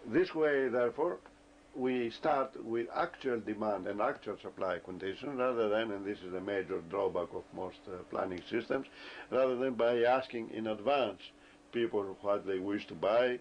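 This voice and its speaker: A man giving a deliberate explanatory lecture, often pausing with hesitations as he works through his points, on a dull lo-fi recording. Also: on the low side. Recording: dull lo-fi recording with faint ambient noise.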